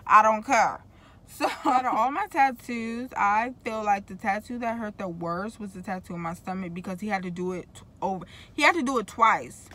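A woman's voice: medium pitch, moderate pace, bright, forceful tone. A young woman with braces chatting casually to the camera in a car, rambling and slangy, often interrupting herself. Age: young adult. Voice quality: talking with braces. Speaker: vlogger. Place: inside a parked car.

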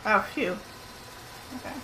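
A woman hosting a casual let's play, playing the game herself, laughing a lot and groaning at her mistakes. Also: measured pace. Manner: laughs often, frustrated exclamations while playing. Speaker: let's play host, at the controls. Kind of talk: casual gameplay chat. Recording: roomy echo with loud crowd noise.

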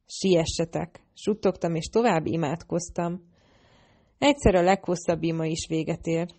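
A woman narrating a fantasy audiobook in the first person, with a steady, measured reading. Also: fairly low pitch.

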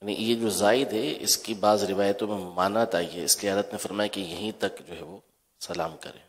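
A man explaining a religious ruling in a steady, measured way. His voice sits fairly low. A long, echoing reverb follows his words. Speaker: religious scholar.

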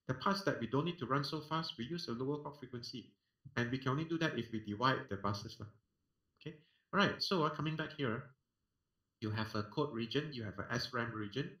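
Male lecturer, Singaporean accent, mid-pitched voice, colloquial explainer with sentence-end particles, roomy online-class sound. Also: a bit bright. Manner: colloquial, uses sentence-end particles, poses and answers own questions. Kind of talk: explanatory technical lecture over screen share.

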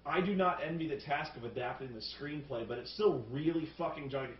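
A man hosting a casual group film review, ranting in an animated, profane, riffing way. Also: fairly high pitch, fairly quick. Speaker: review show host. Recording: roomy, distant, dull sound.

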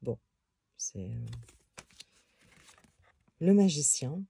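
A woman's voice: sits low, sing-song, very slow, vocal fry, dark tone, husky, no echo. A woman casually reviewing a tarot deck on video, talking in a hesitant way with many fillers and restarts.

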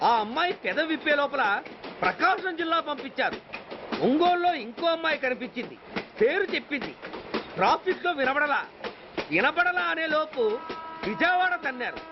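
A man's voice: very high-pitched, big pitch swings, moderate pace, long pauses, full character voice. An actor playing an unmarried man around thirty who complains in a rambling, self-pitying way, in dull film audio with noise behind. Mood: complaining.

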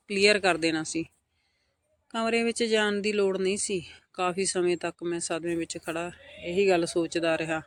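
A man tells a family drama in the first person, speaking every character's lines in his own voice. He sits high in pitch and stays level and even throughout, with an earnest, measured delivery. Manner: steady, earnest retelling of family drama, voicing all quotes. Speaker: storyteller. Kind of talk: scripted first-person story narration.

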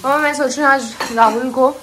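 A woman's voice: high voice, steady tone, a little fast, fairly bright tone, a little hiss or hum. Chatty woman vlogging at home. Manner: chatty, switching between Hindi and English. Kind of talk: casual family vlog chat.

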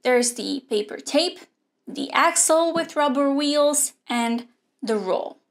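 A young woman presenting a scripted online robotics lesson in a studio, explaining clearly and steadily. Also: sits high. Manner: clear, measured explaining with hand gestures. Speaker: robotics teacher. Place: indoor studio with a grey backdrop.

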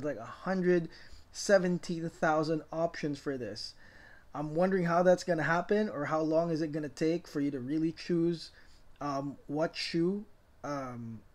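A middle-aged man, a sneaker reseller, giving casual voice-over commentary in a rambling, enthusiastic way with many fillers. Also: a little high. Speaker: sneaker reseller and channel host.

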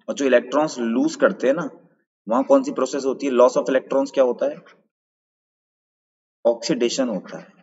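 A man with a mid-range, breathy voice runs a live online quiz lesson, explaining answers step by step. He greets viewers in chat, asks them for answers and checks in with them, and the lo-fi audio sounds dull with long reverb.

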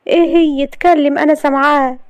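A woman's voice: high voice, fairly even intonation, quick pace, dry recording, pitched above the performer's own voice, natural voice. Woman putting on a tearful, pleading Egyptian girl. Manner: pleading, breathless, trembling. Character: frightened, tearful young woman.

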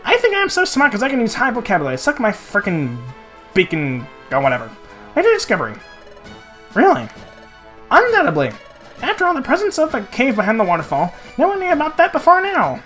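A man's voice: very high-pitched, wildly swooping pitch, brisk, fairly bright tone, soft background music, pitched above the performer's own voice, full character voice. A man voicing a stingy, pompous male bird who loves big words, in a haughty, fussy voice. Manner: haughty, fussy, show-off vocabulary.

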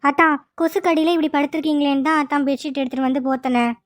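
A woman's voice: sits high, fairly even intonation, fast, no room sound, studio quality, lightly acted. Woman voicing a pleading young heroine. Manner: coaxing, repeats "attha". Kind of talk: cartoon voice acting.

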